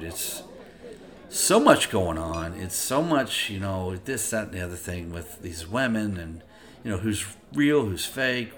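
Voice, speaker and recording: Casting: middle-aged male podcast host, lowish voice, rambling profane monologue. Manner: profane and rambling, animated swings between loud and quiet. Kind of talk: casual monologue.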